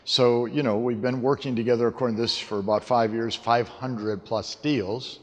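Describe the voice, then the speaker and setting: A man hosting a seminar on stage, interviewing guests in a brisk, joking way. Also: mid-range voice, fairly even intonation, slight background noise. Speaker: seminar host, coach. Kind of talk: onstage interview. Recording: large hall with audience.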